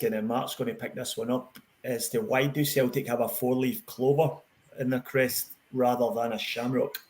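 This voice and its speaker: A man hosting a casual podcast over a video call, talking loosely with many fillers and restarts. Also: medium pitch. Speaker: podcast host.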